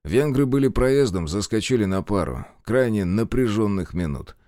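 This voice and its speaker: A man's voice: on the low side, lively intonation, normal speed, warm tone, no echo, natural voice. A man voicing a weary male officer with a dry, understated, wry way of talking.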